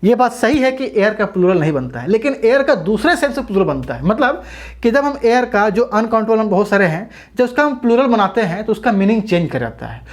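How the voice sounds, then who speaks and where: Speaking a little fast in a sing-song, medium-pitched voice, a woman gives an English grammar lesson to exam students. She asks questions, answers them herself, and addresses viewers as brothers and sisters.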